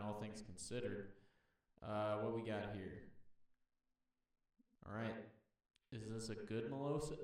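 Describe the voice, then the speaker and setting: A man's voice: lowish voice, darkish tone. Guy rambling and joking over wildlife pics, sounds kinda far from the mic, big echo. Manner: jokey, rambling, talks to himself. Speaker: host. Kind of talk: casual commentary on wildlife photos. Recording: echoey room, far from the mic.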